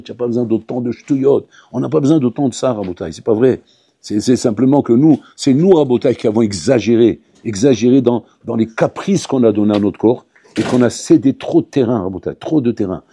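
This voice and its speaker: A man, a rabbi, teaching a lively Torah class to yeshiva students. He talks to them directly and acts out little dialogues. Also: mid-range voice, gravelly, slightly rough, no echo. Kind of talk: animated Torah lesson. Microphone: audio recording of a class.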